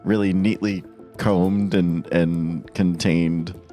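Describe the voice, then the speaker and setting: A man's voice: sits low, little pitch movement, takes it slowly, warm tone, soft background music. A man chatting casually as a player on a tabletop game podcast. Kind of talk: casual banter.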